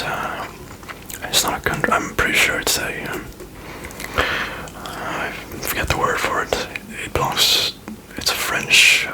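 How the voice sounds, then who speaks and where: Male ASMR reader. Sustained breathy whisper throughout, informal, reading text aloud with offhand comments. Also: low-quality recording.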